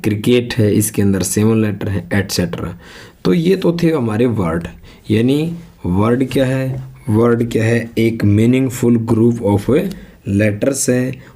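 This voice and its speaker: Slow, deep-voiced Hindi-accented teacher. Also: male voice, mellow. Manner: spells words letter by letter and asks rhetorical questions, reading English slowly. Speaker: English teacher. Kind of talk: classroom lesson explaining English words and sentences.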